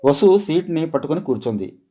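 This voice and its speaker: Male storyteller, calm scripted narration, mellow tone. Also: fairly high pitch, brisk.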